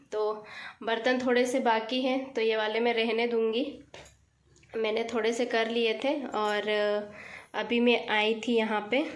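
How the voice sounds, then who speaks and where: A village vlogger, a woman in her thirties from India, chats casually while cleaning her tiled, echoey home kitchen, with faint noise in the background. Her voice is on the high side, and her throat is still sore as she gets over a cold.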